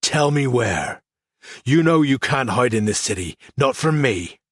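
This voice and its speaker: A man's voice: mid-range voice, animated, a little slow, a bit bright, no echo. A man voicing a mad, twitching one-eyed male assassin with a theatrical, mocking manner, in an audiobook. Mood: menacing.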